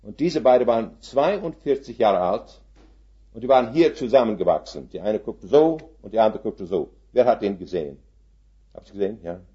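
A man's voice: lowish voice, lively intonation, normal speed, dull audio. A man in his seventies preaching a sermon full of stories, putting folksy rhetorical questions to his congregation and dropping English words into his German. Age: 70s.

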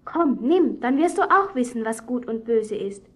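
A woman in a children's radio play voicing the curious first woman in paradise, soft and earnest. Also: on the high side, lively intonation, moderate pace, slightly rough.

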